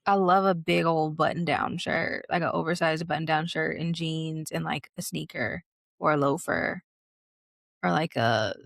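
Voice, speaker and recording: Gravelly-voiced easygoing woman in her twenties. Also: low-pitched, unhurried, no room sound, studio quality. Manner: easygoing, agreeable, lots of "like". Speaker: podcast co-host. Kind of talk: casual chat.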